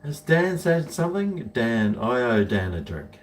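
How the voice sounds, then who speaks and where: Casual male streamer, broad Kiwi accent, unhurried laid-back rambling, recorded off-mic in an echoey room. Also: medium pitch, big pitch swings. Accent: New Zealand. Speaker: streamer chatting to viewers. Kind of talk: casual rambling chat to viewers. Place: indoors, home kitchen. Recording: echoey room, distant mic, faint noise.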